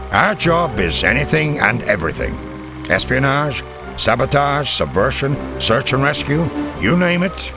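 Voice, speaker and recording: A male actor with a mid-range voice portrays a formal, authoritative middle-aged WWII American intelligence colonel briefing officers in a game cutscene. It is a scripted, dramatic military briefing, delivered in a measured, crisp style with weighty pauses.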